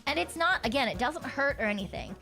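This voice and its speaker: A chatty woman rambles through a casual stream, swearing easily and laughing between thoughts as faint music plays beneath her. Her fairly high voice has a slight frog in it, with a sharp tone, lively intonation and a brisk pace.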